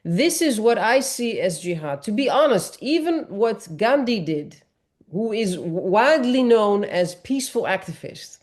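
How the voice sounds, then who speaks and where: A woman's voice: mid-range voice, sing-song, measured pace, a little mellow. A woman from Morocco, speaking earnestly on a panel discussion and explaining at length with frequent restarts.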